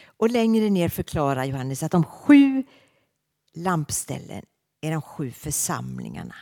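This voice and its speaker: A woman's voice: low-pitched, huge pitch swings, gravelly, dark tone. A woman preaching a sermon to a congregation in a church, speaking expressively with frequent hesitations.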